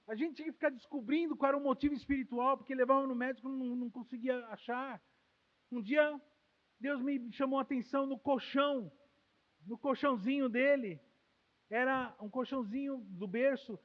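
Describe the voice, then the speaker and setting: A Brazilian man preaching a sermon as pastor, emotional, swinging from loud exclamations to quiet, intimate tones. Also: very high-pitched. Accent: Brazilian Portuguese. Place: church hall. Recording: long hall reverb, dull lo-fi sound.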